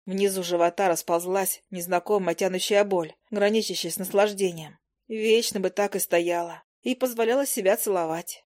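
Female audiobook narrator, first person, measured, even delivery. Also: mid-range voice.

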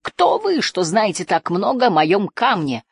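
A woman's voice: low-pitched, lively intonation, moderate pace, slightly rough, dry recording, clean studio sound. A woman reading the part of a cold, scheming old male guardian who drawls and hisses his words. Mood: menacing. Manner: hissing, drawling, menacing.

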